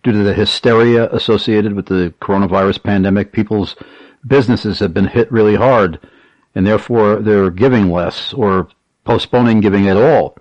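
A man's voice: fairly low pitch, normal speed, darkish tone, dry recording, lo-fi sound. Emphatic male talk radio host. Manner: earnest, emphatic, repeats key details.

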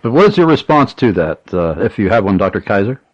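Earnest guy hosting a talk radio show, kinda low voice, dry. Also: big pitch swings, quick pace, no echo, dull audio. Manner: earnest, emphatic, repeats key details. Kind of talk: talk radio host, appeals and questions.

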